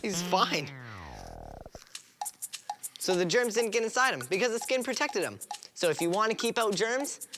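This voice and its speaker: A woman's voice: on the high side, expressive, fairly quick, over music. A woman hosting a children's science show, bouncy and playful. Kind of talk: upbeat kids' science presenting.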